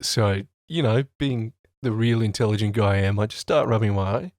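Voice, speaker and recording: A young man casually telling an animated, self-mocking anecdote about his retail job. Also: lowish voice, moderate pace, no room sound, clean studio sound. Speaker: retail worker.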